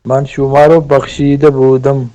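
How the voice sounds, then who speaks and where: Male student on a video call, ordinary voice, unsure, halting answers. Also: mid-range voice, flat delivery, warm tone, poor audio. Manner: hesitant, answers in halting pieces. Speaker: language student. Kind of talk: online one-on-one language lesson.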